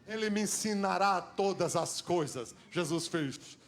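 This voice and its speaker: A man with a Brazilian Portuguese accent preaching a sermon in church, telling the story dramatically and swinging from shouts to hushed tones. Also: high voice, a little slow, slight background noise.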